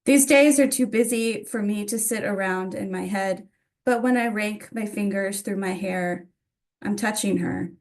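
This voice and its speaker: A woman's voice: medium pitch, a little slow, a little mellow. A woman from Atlanta reading her own poetry at a literary reading, with informal introductions to each piece. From Atlanta, United States. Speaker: poet reading own work.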